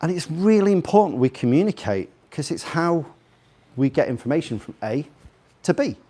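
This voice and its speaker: With a slightly high, mellow voice, big pitch swings and normal speed, a man with a faint Scouse accent addresses a room live as a guest speaker. His talk is informal, chatty, jokey and rambling, and he puts questions to the audience.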